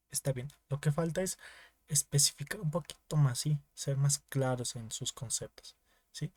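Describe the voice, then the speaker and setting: With a darkish, mid-range voice and no room sound, a young man with a Bolivian Spanish accent works as a teaching assistant in an online class. He breaks things down into small repeated steps and checks in with students often.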